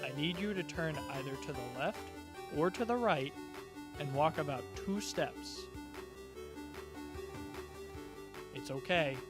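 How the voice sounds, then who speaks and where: A man's voice: on the high side, lively intonation, close to an everyday voice. A man playing a cheerful disembodied male voice that patiently and encouragingly teaches in a parody instructional video. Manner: slow, simple, encouraging, talking as if to a child. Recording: music playing behind the voice. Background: music.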